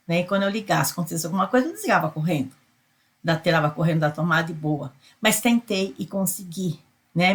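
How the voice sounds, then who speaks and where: A middle-aged woman with a Brazilian Portuguese accent, a psychoanalyst giving a conversational motivational talk, repeating herself and ending lines with tag questions. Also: fairly low pitch. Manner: repetitive, tag questions, many fillers. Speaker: psychoanalyst and spiritual speaker.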